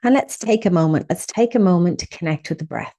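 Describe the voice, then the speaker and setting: With a lowish yet animated voice, a woman leads a guided meditation, unhurried and soothing, pausing often as she gives gentle instructions.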